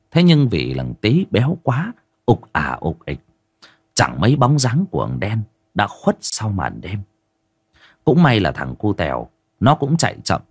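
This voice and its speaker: Male horror narrator, low-pitched and husky, dramatic telling, dry sound. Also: dry recording. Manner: dramatic, expressive storytelling. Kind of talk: horror audio story narration. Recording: dry close recording with faint music.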